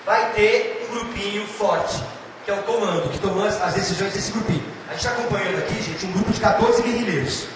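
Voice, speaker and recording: In a noisy, echoey hall with the microphone at a distance, a Brazilian literature teacher speaks with a São Paulo state accent. His voice sits high and brisk as he delivers a lively, theatrical exam-prep lecture directly to students.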